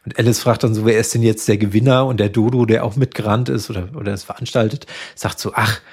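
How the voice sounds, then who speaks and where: A psychotherapist guest on a casual podcast talks fast in a lowish, breathy voice. He explains things in a relaxed way, using fillers and tag questions.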